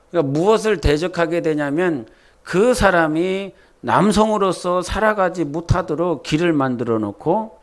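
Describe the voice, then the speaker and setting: High-voiced pastor. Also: male voice. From Jeolla, South Korea. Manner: conversational, quizzes the congregation with questions. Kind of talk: sermon.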